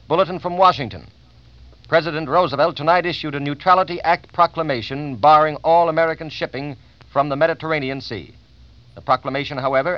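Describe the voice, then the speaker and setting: A man's voice: on the high side, dry recording. Male network news announcer, formal bulletin delivery, old 1940s radio sound, muffled. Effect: old 1940s radio broadcast. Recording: dull lo-fi vintage radio.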